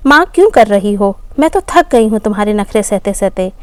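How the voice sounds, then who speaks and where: A woman's voice: mid-range voice, expressive, fairly quick, no echo, lightly acted. A woman voicing a tired working daughter, exasperated and pleading with her mother and maid. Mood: upset, tearful. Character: weary young working daughter, tearful and frustrated.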